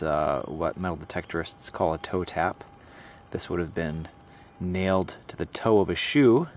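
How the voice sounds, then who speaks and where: A man in his thirties hosting a casual outdoor vlog, enthusiastically explaining his finds as he walks through a forest. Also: low voice. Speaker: metal detecting channel host.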